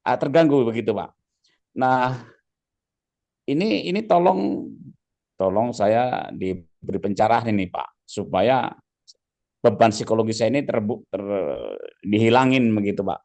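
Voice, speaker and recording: A man in the audience of an online seminar asks a long, rambling question over a video call. He talks in a halting way, restarts his words often and politely addresses the speaker after almost every phrase. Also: lowish voice, lively intonation, creaky, darkish tone. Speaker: audience member asking a question.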